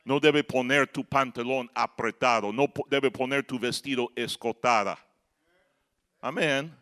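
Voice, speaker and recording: A middle-aged man preaching a sermon, moving from quiet talk to shouted passages and acting out voices. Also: medium pitch, unhurried. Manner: acts out voices and jokes with the congregation. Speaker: pastor.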